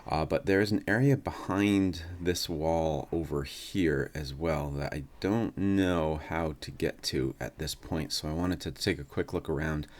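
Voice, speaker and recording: A man hosting a casual let's-play, musing aloud in an unhurried way and reading out game text. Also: a bass voice. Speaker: gaming host. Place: indoors, seated at a computer. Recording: faint noise, chair creaks. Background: creaking chair, faint background noise.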